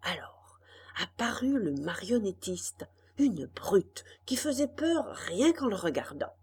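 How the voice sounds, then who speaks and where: A woman reading a children's storybook aloud with an expressive delivery. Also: medium pitch, a little slow, husky. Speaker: audiobook reader. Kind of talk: storybook narration.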